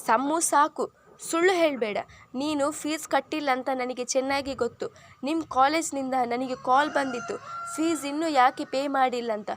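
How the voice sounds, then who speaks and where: A sharp, no-nonsense elder sister from an audio story, acted by a woman narrator, questioning in a firm, probing way. Her voice sits high and stays pointed. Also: normal speed, slight background noise, lightly acted. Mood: stern.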